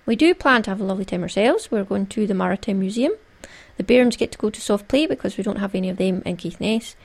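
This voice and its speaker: A woman with a Scottish accent hosts a chatty craft podcast. Her voice sits at a middling pitch with noticeable creak. She talks in a playful, jokey, conversational way, as if straight to her listeners. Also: quick pace. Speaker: podcast host.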